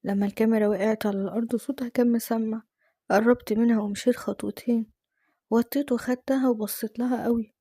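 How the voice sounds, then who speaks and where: A woman's voice: fairly high pitch, fairly even intonation, mellow, no echo. A woman with an Egyptian accent narrating an emotional first-person story. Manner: emotional, fast-flowing.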